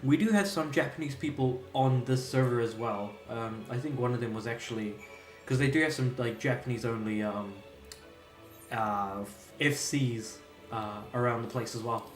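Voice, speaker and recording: Soft background music plays as a young man from Australia streams a game and rambles casually at a moderate pace. His voice is medium-pitched, his mood laid-back and self-amused, and the room is echoey.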